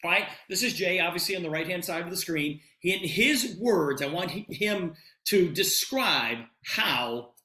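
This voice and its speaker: Middle-aged guy telling a story to the crowd, bright forceful voice, plays out the dialogue, echoey room. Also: high voice, a little slow, hardly any pauses. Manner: animated, acts out dialogue. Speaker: presenter promoting a product. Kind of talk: storytelling sales presentation. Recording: roomy echo.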